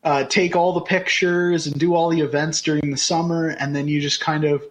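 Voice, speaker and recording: A man's voice: a little high, flat delivery, moderate pace, poor audio. A man co-hosting a podcast, chatting casually in a rambling, conversational way. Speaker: podcast co-host. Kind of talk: casual chat.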